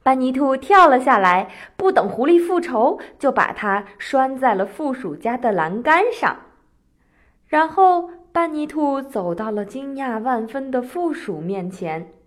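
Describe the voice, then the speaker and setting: A woman's voice: sits high, lively intonation, a little slow. Singsong woman reading children's stories. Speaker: children's storyteller. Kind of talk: children's story narration.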